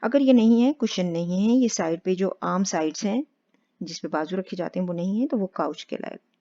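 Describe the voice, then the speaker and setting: A woman teaching spoken English step by step, patient and slow on the English examples. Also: mid-range voice, mellow. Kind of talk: explaining spoken English lesson. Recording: dull lo-fi sound.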